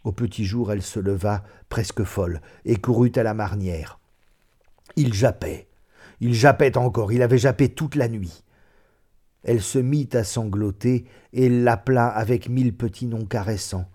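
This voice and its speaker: Low, dark-voiced man reading a story. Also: moderate pace. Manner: expressive, voices the characters. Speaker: reader. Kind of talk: storybook narration.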